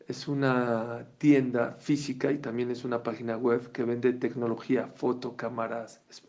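A man teaching a Torah class, animated and full of rhetorical questions to his students. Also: medium pitch, highs cut off. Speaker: religious teacher.

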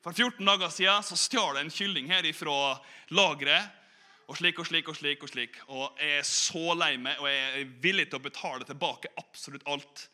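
A man's voice: fairly high pitch, pushed and bright, voice pushed down. A man playing a young male cook who stole a chicken, talking in a worried, pleading way. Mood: remorseful.

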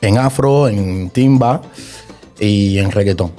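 A man from Cuba with a Cuban Spanish accent, a dance teacher in a radio interview, speaking in a halting way and mixing in Spanish words. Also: on the low side, warm tone, faint music behind.

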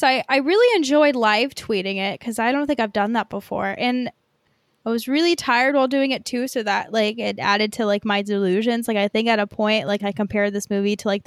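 A young woman with a slightly high voice co-hosts a podcast, chatting about films in a rambling, "like"-filled way. The recording has no echo.

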